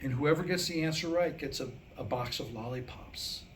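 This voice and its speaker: With a slightly high voice and moderate pace, a writer performs a staged reading of his comedic script indoors as a few listeners respond. His mix of comic monologue and historical storytelling is wry and rhetorical, and there's slight background noise.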